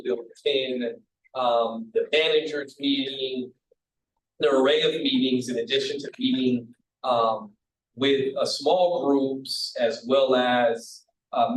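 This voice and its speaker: A man chairing a college council meeting, relaxed and joking between agenda items. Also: medium pitch. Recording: echoey room from far off, faint hiss.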